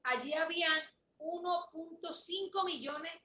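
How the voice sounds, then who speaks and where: A woman in her forties tells an emotional story as an interview guest, her voice high and bright. She talks in an animated way and repeats phrases for emphasis. The room is echoey, with a faint hiss of noise behind her. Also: measured pace.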